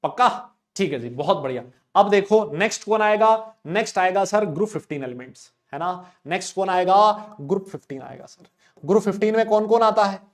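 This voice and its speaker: Male tutor, high voice, casual lecture style with playful mnemonics and rhetorical questions. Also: expressive, brisk. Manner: chatty, asks and answers his own questions, playful mnemonics. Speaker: chemistry teacher.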